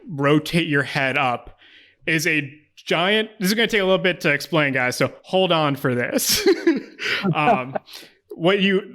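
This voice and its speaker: Higher-pitched man narrating as game master. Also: a bit bright. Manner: casual, descriptive, halting as he searches for words. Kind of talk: improvised tabletop game narration.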